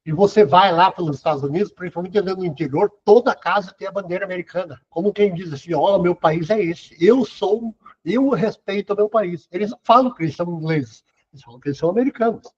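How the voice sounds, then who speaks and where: A middle-aged man from southern Brazil gives a casual lecture over a web conference, talking fast and conversationally and sprinkling in "cara" and "né." His voice is husky and sits a bit high. The video call audio sounds dull and lo-fi.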